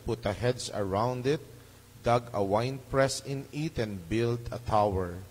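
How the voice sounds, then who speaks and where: A man reading the Gospel as a priest at Mass, measured and formal, in an echoing church. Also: mid-range voice. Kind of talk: solemn liturgical scripture reading. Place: large church during Mass. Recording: echoing church hall, long reverb.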